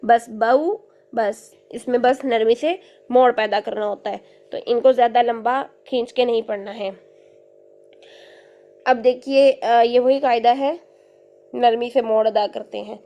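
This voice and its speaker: Woman teacher, higher-pitched voice, patient, step-by-step explanations with frequent check-ins. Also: steady tone, measured pace, dark tone, lo-fi sound. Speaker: Quran recitation teacher.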